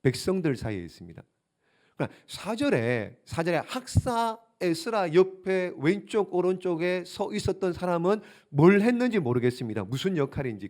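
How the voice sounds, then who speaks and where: A male pastor preaching a sermon in a church sanctuary, asking the congregation one rhetorical question after another in a fervent, pleading way. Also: sits high. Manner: emphatic, grows more fervent and pleading.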